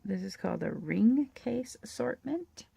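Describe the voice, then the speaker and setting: A woman hosting a toy-collecting channel, chatting and gushing through a catalog in a hoarse voice. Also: fairly high pitch, expressive, unhurried, mellow, dry recording. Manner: chatty, gushing, with little laughs. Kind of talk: casual show-and-tell of a toy catalog.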